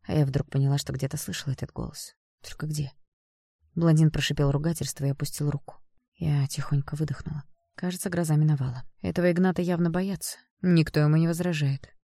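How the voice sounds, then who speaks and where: A woman narrating a first-person audiobook in an expressive storytelling manner. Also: sits low, no echo, studio quality.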